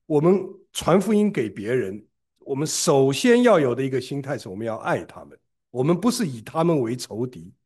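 A man from preaching a sermon, telling a story in an animated way and often repeating and restarting words. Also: breathy edge. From Shanghai, China. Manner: animated storytelling with big pitch swings and frequent repeated restarts.

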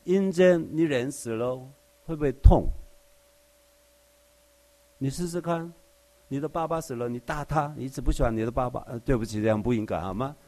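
A man's voice: medium pitch, normal speed, pauses often, dark tone. A man preaching a conversational Bible study sermon. He explains verse by verse with everyday examples and often asks his listeners rhetorical questions. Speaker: Bible teacher.

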